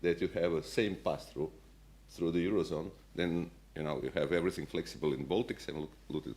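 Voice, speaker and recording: A man with a notably low voice talks on a conference panel as a policymaker. He pauses often and restarts his sentences, searching for words. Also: steady tone, a little mellow. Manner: hesitant, many fillers and restarts. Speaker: central bank policymaker.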